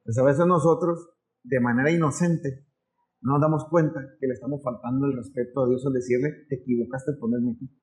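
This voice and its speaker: A man's voice: mid-range voice, fairly even intonation, brisk, a little mellow. A man with a Mexican Spanish accent preaching a sermon as a pastor, earnest and conversational, voicing God and Moses in dialogue.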